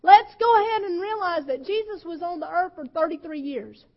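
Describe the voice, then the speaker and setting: A woman pastor preaches passionately in a very high voice at a moderate pace, her delivery swinging between loud and soft and sometimes breaking with emotion. The sound is lo-fi.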